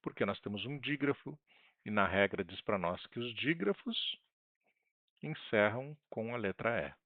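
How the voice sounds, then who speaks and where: A man with a Brazilian Portuguese accent walks through a language lesson, stretching out each example phrase and tossing in quick asides. His pitch moves up and down a lot as he explains. The sound is dry and narrow, like a phone line. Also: animated, no room sound. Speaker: language teacher. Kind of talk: screen-recorded language lesson.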